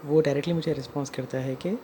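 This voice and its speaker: Explaining a personal customer complaint on video, an Indian vlogger talks fast in a warm, mid-range voice with fairly even intonation, blending English phrases into the narration. Background noise comes through clearly.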